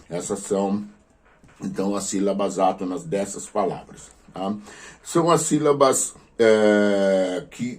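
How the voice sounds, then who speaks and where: Guy w a low husky voice doing a video class, slow step by step, stops to ask "ok?". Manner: explains step by step with check-ins like "tá?" and "ok?"; stresses spelled-out letters and syllables in a raised voice. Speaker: seminary teacher. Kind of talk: recorded video lesson.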